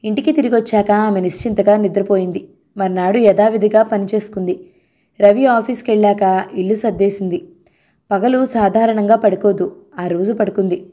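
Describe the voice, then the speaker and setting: A woman narrating a novel in a calm, measured storytelling manner. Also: mid-range voice. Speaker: audiobook narrator. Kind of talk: novel reading.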